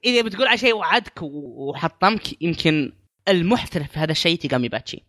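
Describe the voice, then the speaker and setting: A young man co-hosting a casual podcast, excitable and given to mocking impressions. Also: fairly high pitch, fast talker. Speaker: podcast co-host.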